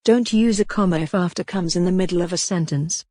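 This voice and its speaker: A woman teaching English grammar, reading example sentences slowly and clearly in a scripted lesson. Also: lowish voice, dark tone, no echo, studio quality. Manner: slow, clear, deliberate reading.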